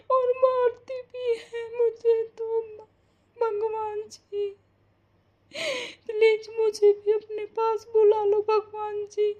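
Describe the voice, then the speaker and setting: A woman voicing a sobbing orphaned girl, very high. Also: mellow, lo-fi sound, exaggerated voice. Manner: sobbing, pleading, wailing. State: crying. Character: young grieving orphaned daughter, tearful. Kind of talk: Hindi cartoon voice acting.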